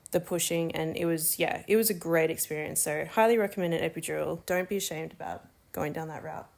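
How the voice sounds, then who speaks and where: Her voice on the low side and a little mellow, a young woman casually and candidly recounts giving birth as a new mother, laughing easily along the way.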